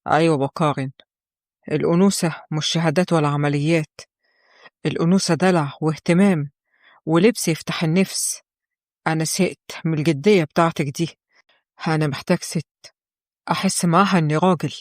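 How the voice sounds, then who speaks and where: A cold, contemptuous husband, played by a woman narrator in an Egyptian audio story, speaking low and flat. The voice stays even and disdainful, and the sound is dry and close. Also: brisk, long pauses, dry recording, lightly acted. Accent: Egyptian Arabic. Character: cold, scornful husband, adult man.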